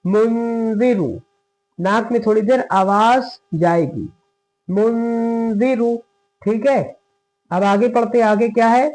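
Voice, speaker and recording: Slow, high-voiced male Quran teacher. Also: darkish tone, low-quality recording. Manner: patient, repeats points with frequent "theek hai". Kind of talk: slow spoken lesson with recitation examples.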